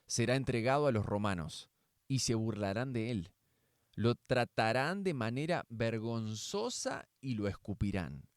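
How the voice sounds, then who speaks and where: A man voicing Jesus as a calm, authoritative male teacher, speaking gravely and in a measured way. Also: medium pitch, dry recording, studio quality. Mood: solemn teaching.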